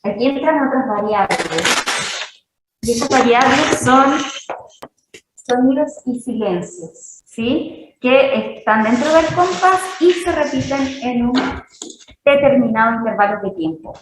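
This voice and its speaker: A woman explaining rhythm to a dance class, speaking slowly and putting questions to her students. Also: sits high, expressive, very echoey, noisy background. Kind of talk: music theory explanation.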